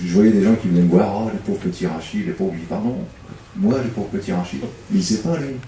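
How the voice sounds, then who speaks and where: A man's voice: low-pitched, expressive, quick pace, dark tone, slight background noise. A man from the Paris suburbs who runs a temp agency, giving a humorous, self-mocking talk at a public debate and chatting with the audience. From Paris suburbs, France. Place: community hall. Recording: echoey hall from far off.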